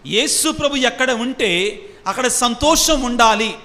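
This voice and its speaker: A priest with a high, bright, ringing voice delivers a sermon in a call-and-response style, repeatedly quizzing his congregation. He drops English phrases in among his own words. His voice trails off into a long hall reverb. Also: lively intonation, unhurried.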